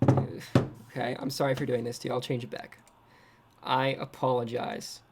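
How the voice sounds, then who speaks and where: A man's voice: medium pitch, level tone, moderate pace, vocal fry, a little hiss or hum. A man chatting casually on a trading livestream, rambling and poking fun at himself as he reacts to his screen. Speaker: crypto trading streamer.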